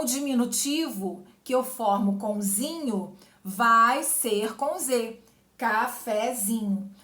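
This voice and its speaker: A woman teaching spelling for exams, who explains patiently, stretches example words slowly and keeps checking with "certo?". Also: high-pitched. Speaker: Portuguese teacher. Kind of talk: exam-prep grammar lesson. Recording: echoey room.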